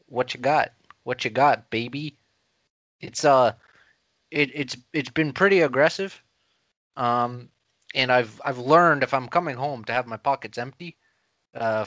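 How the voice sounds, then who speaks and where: A man's voice: mid-range voice, a bit bright, no echo, natural voice. A man playing a mild-mannered, bewildered neighbor as a talk show guest, hesitant, stammering and folksy in an improvised comedy interview.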